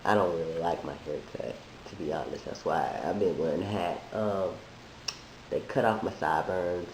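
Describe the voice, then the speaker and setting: A vlogger who is sick shares a transition update in a reflective personal monologue, his voice sitting low and deeper than usual. He speaks haltingly and thoughtfully with many restarts, in an echoey room with faint hiss.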